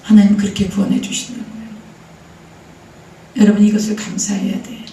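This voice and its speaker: A woman's voice: mid-range voice, completely flat delivery, a little fast, mellow, a little hiss or hum. A middle-aged woman pastor preaching a sermon, telling a story emphatically and throwing rhetorical questions at the congregation. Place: church sanctuary. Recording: roomy church hall, voice heard from a distance.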